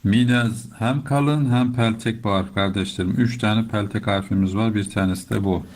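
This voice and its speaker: A middle-aged man teaching Quran recitation step by step, explaining patiently and chanting verses slowly. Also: on the low side, steady tone. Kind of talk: slow step-by-step recitation lesson.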